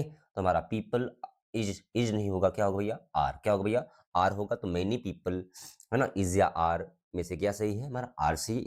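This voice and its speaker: A man's voice: lowish voice, darkish tone. A man teaching a grammar lesson, asking the class questions and repeating the answers, coughing now and then.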